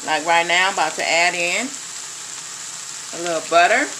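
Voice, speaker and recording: A woman's voice: lowish voice, moderate pace. A middle-aged woman talking viewers through a home cooking recipe in a chatty, casual way, speaking to "you guys" as she cooks at her kitchen stove. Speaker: home cook vlogger. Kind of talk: casual cooking vlog narration. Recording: faint noise, food sizzling in the pan.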